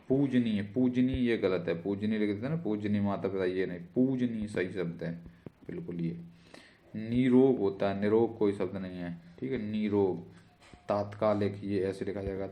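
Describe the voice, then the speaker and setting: A man's voice: fairly low pitch, background noise. A male teacher giving an exam-prep spelling lesson, repeating each word and checking in with "theek hai".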